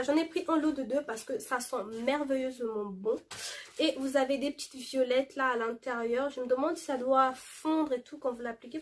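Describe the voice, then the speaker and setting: A high-voiced woman hosts a casual beauty haul vlog. She reads product labels aloud in a loose, chatty way and pauses often on fillers. Now and then she drifts a little away from the camera mic. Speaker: beauty vlogger showing a shopping haul.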